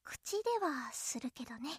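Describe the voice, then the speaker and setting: A very high, girlish voice, acted by a woman, close and dry with no room around it. She is a young childhood friend in an audio drama, coy and clingy. Her playful teasing carries a possessive, softly menacing edge. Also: lively intonation, a little slow, no room sound, heavily acted. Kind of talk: Japanese audio role-play addressed to the listener.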